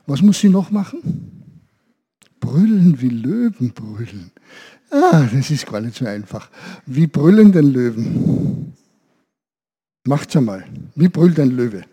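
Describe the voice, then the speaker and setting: A man's voice: medium pitch, slow pace, long pauses, husky. A man leading a children's service, telling a story and asking the children questions. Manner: animated, asks children questions.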